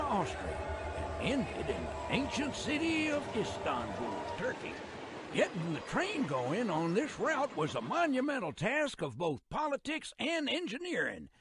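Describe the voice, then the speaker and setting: An actor voices a folksy, excitable old-timer railroad guide in a video game, using a rural American accent, a creaky voice, and a colloquial, theatrical delivery. It's a high male voice, fully in character.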